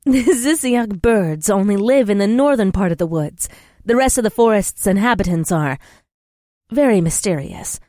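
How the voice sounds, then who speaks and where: An earnest young warrior princess, put on by a man reading a storybook, speaks in careful, formal phrases with no contractions. Her voice sits high above his own and comes out louder and fuller than the narration around her, dry and close. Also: animated, moderate pace, dry recording. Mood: earnest, wondering.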